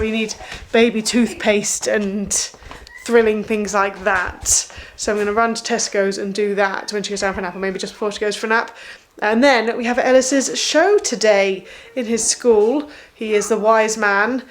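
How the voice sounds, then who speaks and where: A woman's voice: mid-range voice, steady tone, moderate pace, slight background noise. A woman, a mum of two, rambling through her day in a casual vlog with lots of "like". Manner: rambling, chatty, fillers of "like". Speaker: vlogger mum.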